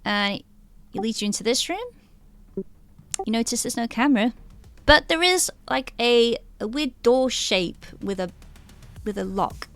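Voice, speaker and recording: A woman's voice: a little high, lively intonation, a little slow, pauses often, fairly bright tone, faint music behind. A woman running a tabletop game, narrating in a casual, rambling way. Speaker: game master.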